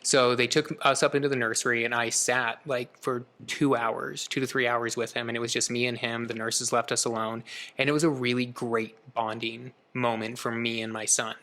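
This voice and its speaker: Bright-voiced man telling a story. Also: medium pitch. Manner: lively first-person storytelling with quick asides. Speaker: podcast co-host. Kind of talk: casual storytelling chat.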